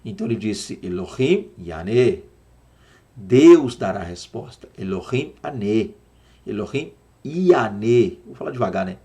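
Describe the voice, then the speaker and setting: A man with a Brazilian accent teaching a Sunday school Bible lesson, animated and full of rhetorical questions, slowing down to spell out words. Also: fairly low pitch. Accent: Brazilian Portuguese. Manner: dramatizes quotes, slowing down to spell out Hebrew words.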